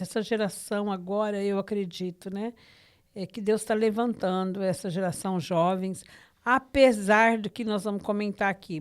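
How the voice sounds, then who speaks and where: Speaking from her living room, a woman with a Brazilian accent hosts a podcast and introduces a guest conversationally. Her medium-pitched voice is smooth, and she talks with devout enthusiasm, often adding tag questions.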